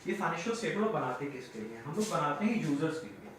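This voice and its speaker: A high-pitched male teacher lectures on audit terms, asking his class questions and answering them himself. His voice rings through a very echoey room, picked up from a distance with faint noise behind. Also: sing-song, quick pace, fairly bright tone.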